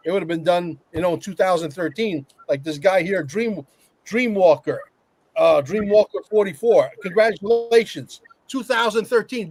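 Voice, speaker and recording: A man's voice: high voice, slight background noise. A man in a panel discussion, speaking emphatically and bluntly in an opinionated way, repeating himself for force. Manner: emphatic, repetitive, coarse-tongued. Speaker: roundtable panelist.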